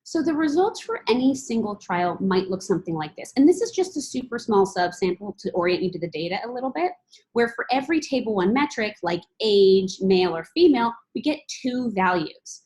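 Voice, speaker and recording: A woman presenting research as a PhD candidate, explaining it in a measured, formal and methodical way. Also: mid-range voice, sing-song, a little mellow, low-quality recording.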